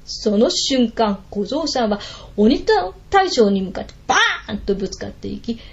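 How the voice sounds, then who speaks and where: Animated woman telling a folk tale. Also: a little high, moderate pace, breathy edge. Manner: animated, dramatic storytelling. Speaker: storyteller. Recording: lo-fi recording.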